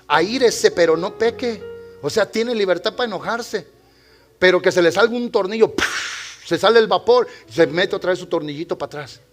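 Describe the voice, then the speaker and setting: A male pastor preaching a sermon in a church, swinging between loud exhortation and quiet storytelling. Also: sits high, brisk, soft background music.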